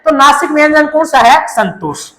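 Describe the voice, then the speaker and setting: A woman's voice: sits high, animated, moderate pace, a bit bright. A woman teaches a grammar class. She keeps asking questions and answering them herself, drilling each term again and again. The sound is echoey, as if recorded in a bare room. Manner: asks questions and answers them herself, repeating key terms.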